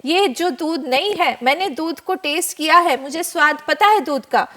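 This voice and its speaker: A stubborn little boy of about five, firm and insistent, with a high, raised voice, as a woman puts him on. He refuses flatly and stands his ground. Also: normal speed.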